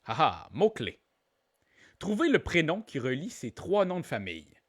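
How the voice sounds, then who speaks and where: Lively Québécois man hosting trivia. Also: fairly high pitch, moderate pace. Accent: Québécois French. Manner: playful, jokey, repeats each question aloud. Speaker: trivia quiz host. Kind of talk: live online trivia hosting.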